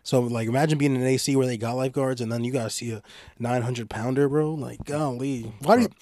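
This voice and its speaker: A man's voice: mid-range voice, steady tone, fast, darkish tone, no room sound. A young man bantering casually with a friend in frat-bro slang, saying bro constantly.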